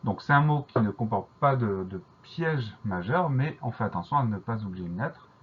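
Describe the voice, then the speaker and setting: A man teaching a dictation lesson, who explains each word slowly and carefully and spells it out letter by letter. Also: fairly low pitch, expressive, breathy edge, narrow, tinny audio.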